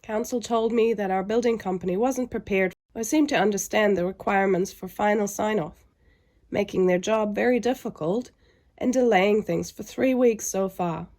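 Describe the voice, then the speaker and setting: Creaky-voiced, weary woman narrating a vlog. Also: mid-range voice, moderate pace, a little mellow. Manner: frustrated, weary. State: under the weather.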